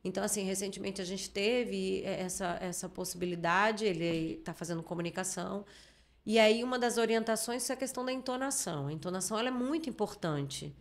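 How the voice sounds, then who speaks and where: A Brazilian journalist woman talks through her ideas in a casual interview. Her voice sits at an ordinary middle pitch, and she keeps checking in with small tags as she explains. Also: fairly quick. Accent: Brazilian Portuguese. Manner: explanatory, lots of filler tags and restarts. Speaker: journalist guest.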